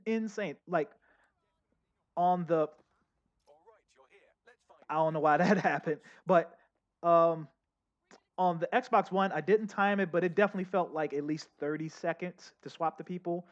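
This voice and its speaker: Young male streamer, excitable chatty commentary, lightly dull stream audio. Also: fairly high pitch, unhurried, long pauses. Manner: chatty, excitable, addresses chat as y'all. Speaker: game streamer. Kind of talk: casual live gameplay commentary.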